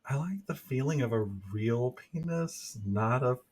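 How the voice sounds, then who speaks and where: A man's voice: mid-range voice, lively intonation, unhurried, a little mellow. A man with an Arkansas twang, chatting casually as a podcast co-host. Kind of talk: casual chat.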